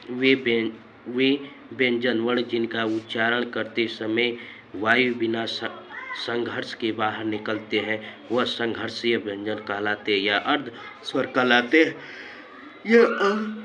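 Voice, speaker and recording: A man teaching a grammar lesson, speaking deliberately and often repeating phrases as he explains. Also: mid-range voice, bright, forceful tone, slight background noise.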